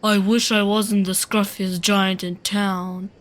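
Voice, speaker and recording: Kindly giant, proud but gentle, slow chanting, put on by a woman reader. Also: medium pitch, flat delivery, lightly acted. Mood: sad. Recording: faint music behind.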